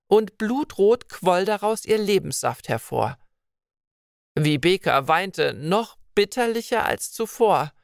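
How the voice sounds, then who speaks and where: A woman narrating a fairy tale in a calm, measured storybook reading. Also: lowish voice, no echo, studio quality.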